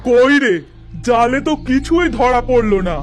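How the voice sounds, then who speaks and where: A man's voice: extremely high pitch, normal speed, over music. A man voicing a skeptical village fisherman uncle in a cartoon story, questioning and a little impatient. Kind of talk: animated story dialogue.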